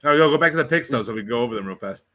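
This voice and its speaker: A quick-talking man with a bright, punchy voice banters about sports like a frat bro. He ribs his co-hosts in loose, profane slang. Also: medium pitch, expressive. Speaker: podcast co-host.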